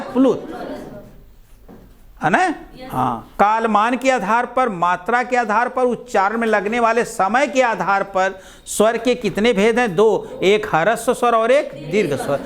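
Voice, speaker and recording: A male teacher with a fairly high voice lectures to a class. He speaks with a slight tinge. He is patient, drawing words out and repeating them so his students can follow. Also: a bit bright. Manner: patient, repeats words slowly, addresses students as "babu" and "beta".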